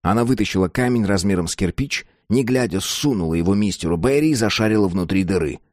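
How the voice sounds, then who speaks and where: A man narrating a story in a measured, expressive reading. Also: on the low side, no echo, clean studio sound. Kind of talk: scripted narration.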